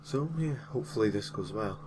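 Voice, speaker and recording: With lively intonation and a brisk pace, a man whose voice sits on the low side narrates over background noise. As host and narrator of a gaming creepypasta series, he reads a gaming story from a script in an informal way, adding casual, slightly hesitant asides.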